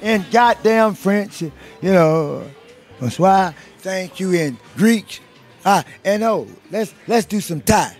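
A man, loud and profane, taunting in a sing-song way during a street interview. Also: sits high, expressive, takes it slowly, faint music behind. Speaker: passerby being interviewed.

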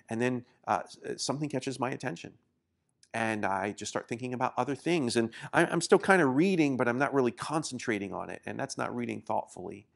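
Preaching to camera from a small studio set, a pastor in his forties who was raised in Indonesia speaks at medium pitch with vocal fry. He encourages his listeners earnestly and keeps restarting his words.

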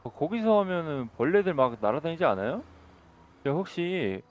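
A man improvising game role-play commentary, chatty and sarcastic, bursting into loud shouting. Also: fairly high pitch, big pitch swings, normal speed, dull audio.

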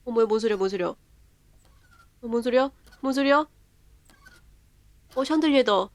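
Excitable woman streaming a horror game. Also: fairly high pitch, no echo. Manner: chatty, translates in-game text aloud as she plays; bursts of rapid repeated exclamations. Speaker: live streamer. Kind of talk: live horror game commentary.

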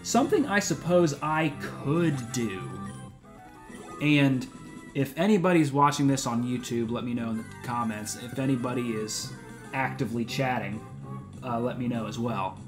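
Music plays in the background as a let's play streamer in his twenties talks at normal speed in a medium-pitched voice. His live gameplay commentary is rambling and relaxed, heavy on "um" and slang like "dude" and "man."

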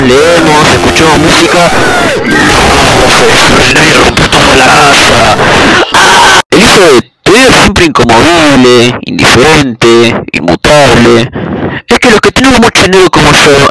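A man with a Rioplatense Spanish accent voicing assorted comic cartoon characters in an exclamatory, bouncy cartoon style. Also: a little high. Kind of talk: animated cartoon dub voices. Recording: loud background noise.

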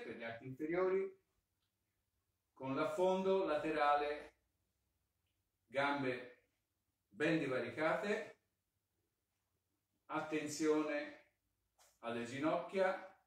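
Man, 40s, fitness instructor, slightly high voice, measured rep counting, distant camera mic. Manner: slow, measured counting with brief cues; exercising while talking, moving toward and away from camera. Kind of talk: counting reps in a workout class. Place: home living room with exercise balls. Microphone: fixed camera mic across the room. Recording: very echoey room, voice from far off.

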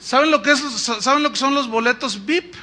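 Male pastor, emphatic exhorting sermon delivery, high and sharp-edged. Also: moderate pace. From Mexico. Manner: emphatic exhorting preacher, rhetorical questions.

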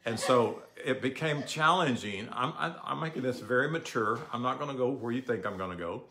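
An older man giving a relaxed, conversational sermon, often asking the audience questions. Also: mid-range voice, fairly quick. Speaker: pastor. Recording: echoey room.

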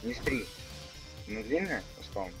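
A man's voice: fairly low pitch, lively intonation, slow pace, rough recording. A man chatting casually while playing a video game, swearing constantly in offhand mutters and exclamations, with game music behind him. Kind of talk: casual gaming chat over a match.

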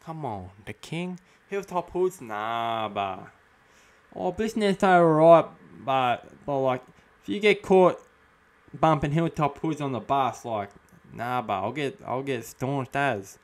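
A man's voice: mid-range voice, expressive, slow pace. A young man in his twenties with an Australian accent, playing a cocky, combative eshay lout in comedic commentary full of eshay slang. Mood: cocky, casual. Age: 20s. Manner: eshay slang, tacks 'bah' onto sentences. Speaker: comedy host reacting to a chatbot. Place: small room at home, indoors. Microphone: close studio mic on boom arm.

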